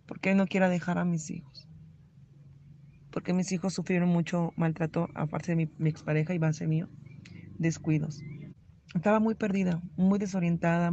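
Gravelly Mexican woman giving faith testimony. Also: fairly low pitch, darkish tone. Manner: earnest, halting, emotional confession. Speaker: recovering addict giving testimony. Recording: slightly dull lo-fi audio with faint background noise.

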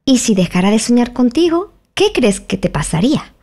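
Squeaky smug storybook twin a woman puts on, raspy edge. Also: very animated, moderate pace, dark tone. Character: boastful twin brother, smug and teasing. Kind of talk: audiobook character voice.

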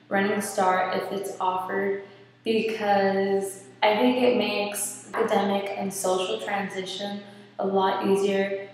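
A woman's voice: medium pitch, recorded from a distance. A young woman student from rural Washington gives a short, earnest testimonial to a laptop webcam in a small dorm room. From rural Washington State. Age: young adult. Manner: earnest, measured advice. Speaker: student in a college support program. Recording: echoey room, from the mic, faint hiss.

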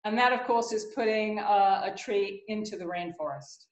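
A middle-aged woman recalls things on a video call in a casual, halting way, leaning on fillers as she goes. Her voice sits at an average pitch for a woman. There is a noticeable room echo around her. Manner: hesitant, many fillers. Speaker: panelist. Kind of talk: casual panel discussion.

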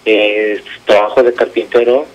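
A man's voice: on the low side, level tone, measured pace, highs cut off. A man from Mexico City with a Mexican accent, talking hesitantly on a call and often adding "right?". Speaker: prank-call target.

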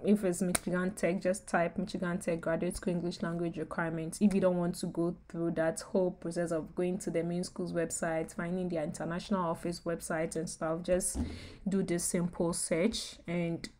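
A young woman giving grad school tips in a relaxed, sleepy late-night voice with frequent ums. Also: on the low side, normal speed, a little hiss or hum. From Ghana. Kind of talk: casual tutorial talk.

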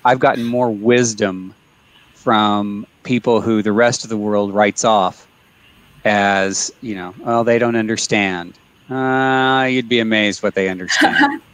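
A man's voice: lowish voice, steady tone, slow, fairly bright tone. A man speaking as a panelist in an online discussion, chatty and laughing easily, with many restarts. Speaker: nonprofit chief executive on a panel.

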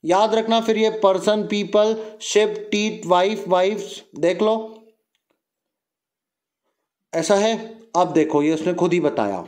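A young man teaching a grammar lesson, repeating words and asking the listener quick questions to drill them in. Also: high-pitched, a little mellow. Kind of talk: Hindi grammar lecture mixing in English terms.

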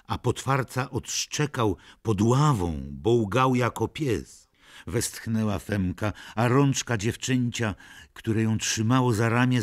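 A man narrating a classic novel as an audiobook, with a gravelly, husky voice and a measured, dramatic reading. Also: on the low side.

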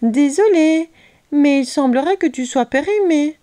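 Woman doing a cheeky little boy, high and teasing. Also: expressive, measured pace, mellow. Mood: triumphant.

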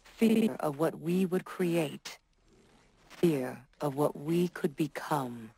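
A woman's voice: deep voice, warm tone, breathy edge, heavily acted, rough recording. A woman voicing a bitter, vengeful female synth robot in a video game, speaking coldly and with contempt. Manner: cold, slow and measured, contemptuous.

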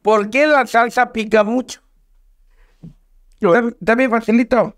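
Man, high voice, smooth clear tone, playful casual chat. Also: fairly even intonation, a little slow. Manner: playful, jokey, slips into character voices. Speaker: stadium torta vendor and guest. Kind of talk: casual podcast chat, joke telling.

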